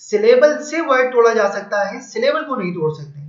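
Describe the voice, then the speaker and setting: A man with a fairly high voice explains grammar slowly and patiently, building up each point with examples. His tinged colours the speech. The recording has a roomy echo and a somewhat dull, muffled sound. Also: very animated. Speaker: English teacher. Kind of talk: explanatory lesson. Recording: echoey room, slightly dull sound.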